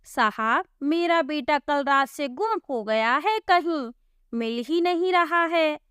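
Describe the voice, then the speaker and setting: A woman's voice: high voice, animated, takes it slowly, a bit bright, dry recording, clean studio sound, exaggerated voice. A woman voicing a flustered, simple middle-aged village man who earnestly pleads with a policeman in a storybook tale. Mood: pleading. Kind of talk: storybook voice acting.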